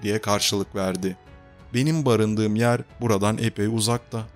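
A man reading the part of a marooned male castaway, talking in a soft, friendly way with faint music behind. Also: on the low side, steady tone, measured pace, pitched below the performer's own voice, lightly acted. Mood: serious.

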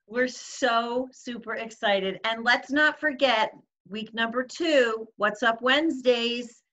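Bubbly co-host woman, higher voice. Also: slow pace, a bit bright. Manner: bubbly, effusive, laughs often. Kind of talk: casual chat. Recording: slightly dull lo-fi sound.

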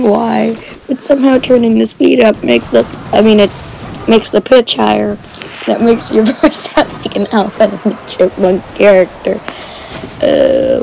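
A woman's voice: on the high side, normal speed, creaky, mellow, a little hiss or hum, rough recording. A woman giving chatty, giggly commentary over her gameplay, recorded afterwards.

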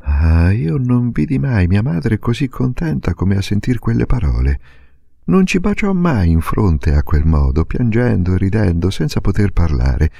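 A man narrating a classic novel in a low, gravelly voice, dark and mellow in tone. His delivery is dramatic and lively, rising and falling widely through each sentence. The sound is close and dry, with no room around it. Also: normal speed, no echo. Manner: dramatic, expressive storytelling. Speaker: audiobook reader.

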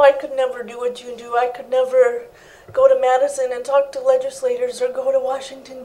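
This young woman speaks in a high, mellow voice, answering interview questions earnestly and steadily about her own life. She's a guest on a living room set, wearing a lapel mic, and the audio quality is poor.

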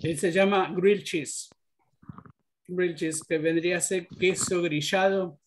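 A man's voice: sits high, fairly even intonation, unhurried, a little hiss or hum. A man teaching an English class, patiently explaining pronunciation rules step by step. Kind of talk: online class instruction.

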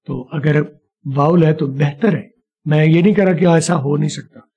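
A man teaching spoken English in a casual lesson, explaining points patiently and slowing down for English example phrases. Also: a little high, slightly rough, muffled recording.

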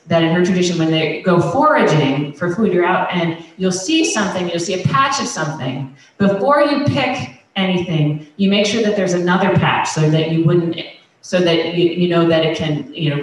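A middle-aged woman pastor, heard from a distance, delivers a conversational sermon into a handheld mic, frequently restarting sentences and gesturing broadly. Her voice is lowish, and the large wood-paneled sanctuary gives it a strong echo.

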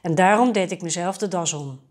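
A woman's voice: fairly low pitch, fairly quick, lightly acted. A woman voicing a simple, cheerful young prince in a storybook tale, giving guileless, earnest replies.

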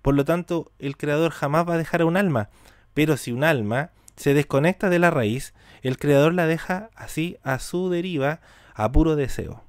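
A man's voice: a little high, normal speed, no echo, clean studio sound. A man teaching mysticism in a spiritual talk, repeating words for emphasis and asking rhetorical questions.

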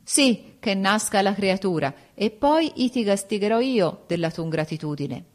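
A woman's voice: mid-range voice, lively intonation, moderate pace, voice pushed up, natural voice. A woman reading the part of a jealous king, raising her voice in accusing outbursts. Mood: furious. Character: angry jealous king, man.

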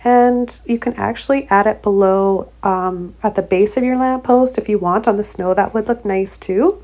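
A woman narrating a painting tutorial in a gentle, encouraging way, with frequent ums and uhs. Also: medium pitch, normal speed. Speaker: painting instructor. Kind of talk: relaxed step-by-step tutorial narration.

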